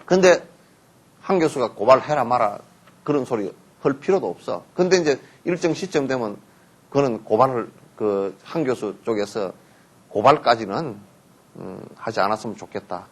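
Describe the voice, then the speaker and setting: A man's voice: mid-range voice, normal speed, slightly rough. A man giving a Buddhist sermon, telling stories, acting out parents and children in quotes, and often asking listeners to agree. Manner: lively storytelling, acts out parents and children in quotes, asks listeners for assent. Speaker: Buddhist teacher giving a dharma talk.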